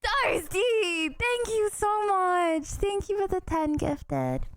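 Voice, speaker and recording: Female streamer, very high lively voice, unhurried pace, excitable and repetitive, thanking viewers over music. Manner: exclamatory, repeats words and phrases. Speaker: live streamer. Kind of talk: excited livestream chat, thanking donors.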